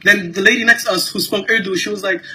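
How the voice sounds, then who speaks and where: A man's voice: high voice, steady tone, quick pace, pushed and bright. A man filming himself on a phone at an airport, upset and tearful, talking in a heated, repetitive rant full of cursing. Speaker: passenger filming an incident. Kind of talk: agitated first-person vlog rant. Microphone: handheld phone camera.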